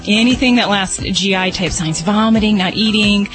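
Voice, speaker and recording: A woman's voice: medium pitch, normal speed, faint music behind, poor audio. A woman speaking as a radio veterinarian, explaining things in a casual, conversational way. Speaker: veterinarian radio host giving advice.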